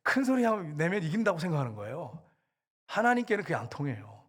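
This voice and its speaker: A man's voice: on the high side, very animated, quick pace. A man preaching a sermon as pastor, earnest and emphatic, often acting out the scenes he tells.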